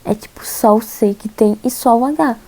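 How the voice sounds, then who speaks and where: A woman's voice: fairly high pitch, normal speed, dark tone, low-quality recording. A young woman from Brazil casually walking viewers through lesson slides, chatty and a bit hesitant, with frequent fillers and giggles. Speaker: host teaching Korean alphabet.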